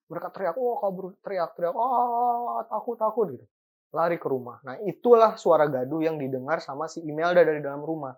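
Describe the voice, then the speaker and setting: Chatty horror storyteller. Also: medium pitch. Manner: chatty, full of fillers, builds suspense. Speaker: host and storyteller.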